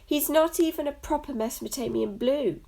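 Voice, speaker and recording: A woman's voice: high voice, normal speed, gravelly, warm tone, pitched above the performer's own voice. A woman voicing a vain female house cat in a sweet cooing tone.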